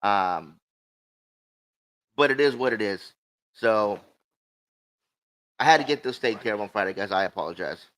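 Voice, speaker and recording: A man's voice: lowish voice, lively intonation, moderate pace, pauses often, fairly bright tone, poor audio. A man co-hosting a livestream in casual, sweary chat, talking with a swollen lip. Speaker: co-host of a cigar show.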